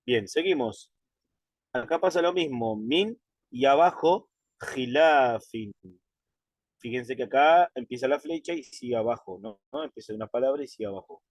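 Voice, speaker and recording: A man teaching Quran recitation in an online lesson, patient and methodical, checking in with his students and slowing right down to model drawn-out pronunciations. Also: medium pitch, expressive, no echo.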